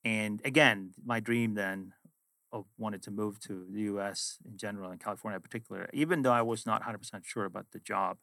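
In a casual interview chat, a middle-aged finance executive from Sweden shares reflective stories about his work as the guest; Swedish is his first language and he has a Swedish accent. His lowish voice, fairly bright with vocal fry, moves briskly with fairly even intonation, and there's no room sound.

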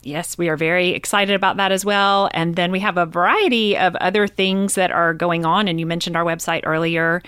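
A woman's voice: lowish voice, steady tone, fairly quick, hardly any pauses, a bit bright, clean tone, dry recording, studio quality. A woman speaking as a radio interview guest, upbeat and enthusiastic, with a few fillers. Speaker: nature center president.

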